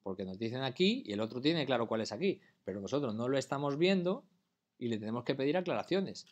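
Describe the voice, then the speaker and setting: A man's voice: medium pitch, expressive, fast, muffled recording. A man teaching a class, explaining patiently and often checking whether students follow. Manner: patient, keeps checking understanding with questions. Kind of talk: classroom lecture.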